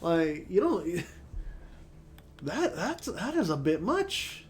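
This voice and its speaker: Speaking extremely slowly yet very animated, a high-voiced man with a sore throat and stuffy nose rambles through casual let's-play commentary on a strategy game. He thinks aloud with lots of fillers, and there's slight background noise.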